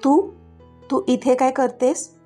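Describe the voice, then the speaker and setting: An angry young husband in a storybook tale, as a woman narrator puts him on. His lines are curt and sharp, with a slightly high pitch. Faint music runs underneath. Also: steady tone, takes it slowly.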